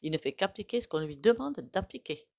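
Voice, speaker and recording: A woman's voice: mid-range voice, lively intonation, a little fast. Rambling French woman reading tarot. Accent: regional French. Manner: rambling, hesitant, many fillers and asides. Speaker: tarot card reader. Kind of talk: casual tarot reading to camera.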